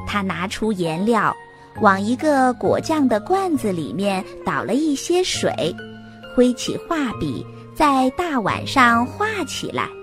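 A woman reading a children's story aloud in a gentle storytelling manner. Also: fairly high pitch, sing-song, slow pace, faint music behind.

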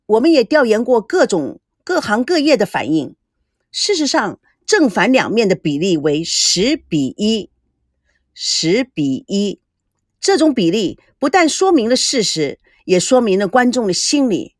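A woman reading a smooth, composed TV producer man. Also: medium pitch, dry recording, clean studio sound. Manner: calm, polished, measured.

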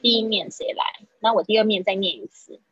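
A woman's voice: medium pitch, a little fast, fairly bright tone, slightly rough, dry recording, highs cut off. A woman teaching an online English vocabulary class, reading each word twice and explaining the sounds patiently.

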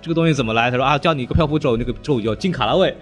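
A man's voice: mid-range voice, racing, faint music behind. A man hosting a podcast, retelling cartoon plots in casual chat, rambling along and laughing often. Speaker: podcast host.

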